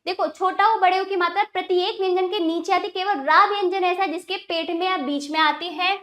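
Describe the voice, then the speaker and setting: A woman teacher, giving a slow, careful grammar lesson to children and repeating sounds for them to copy. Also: very high-pitched, fairly even intonation, fairly bright tone.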